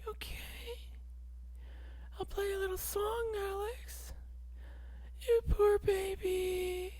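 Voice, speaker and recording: A man doing a cooing falsetto comforter. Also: steady tone, slow pace. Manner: soft, babying coo.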